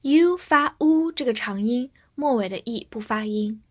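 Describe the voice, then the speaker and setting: A woman teaching English vocabulary, explaining words and reading example sentences slowly for learners to repeat. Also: fairly high pitch, expressive. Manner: slow, careful teacher's delivery with drawn-out example sentences. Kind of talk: vocabulary lesson.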